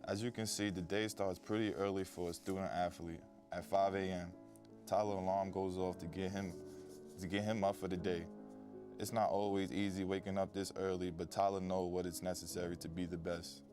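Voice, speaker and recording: A man's voice: deep voice, level tone, normal speed, a little mellow. A man presenting a student feature in scripted narration. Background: faint music.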